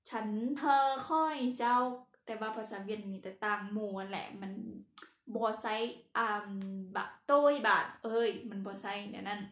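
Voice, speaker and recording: A woman's voice: mid-range voice, moderate pace, a bit bright, reverberant. A woman with a Lao accent teaching a casual language lesson, chatty and laughing at her own slips.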